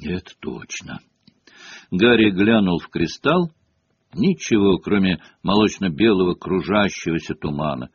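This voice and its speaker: Husky man reading a storybook. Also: deep voice, moderate pace, no room sound. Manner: expressive storytelling. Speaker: audiobook narrator. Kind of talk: audiobook reading. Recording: dull lo-fi cassette audio.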